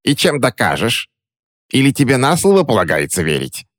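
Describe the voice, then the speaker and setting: A man's voice: medium pitch, huge pitch swings, normal speed, dry recording, pitched above the performer's own voice. Spiteful cackling-edged old crone, put on by a male narrator, raised voice, snappish, dry close audiobook sound. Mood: menacing. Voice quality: sharp, snapping, mocking. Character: spiteful threatening old woman, suspicious and cranky.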